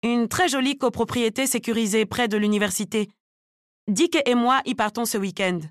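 A woman voicing a brisk middle-aged aunt who talks in a matter-of-fact, clipped way. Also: on the high side, no echo, studio quality, natural voice.

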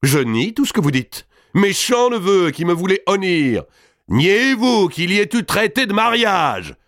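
A man voicing a fierce, enraged giant warrior noblewoman who shouts her defiant denials. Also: sits high, big pitch swings, unhurried, no echo, clean studio sound, voice pushed up, heavily acted. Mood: defiant, furious.

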